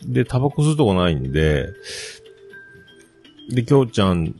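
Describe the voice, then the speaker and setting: A man's voice: on the low side, big pitch swings, normal speed, darkish tone, soft background music. A man in his forties, a podcast host rambling through a funny travel anecdote with lots of fillers. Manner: rambling, self-amused anecdote with many fillers. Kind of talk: casual storytelling monologue.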